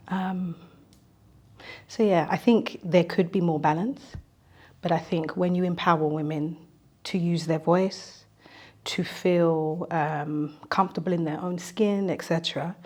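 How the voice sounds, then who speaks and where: A woman in her forties, a psychologist on a discussion panel, speaking reflectively with pauses. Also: fairly low pitch, darkish tone, husky. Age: 40s. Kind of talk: casual discussion.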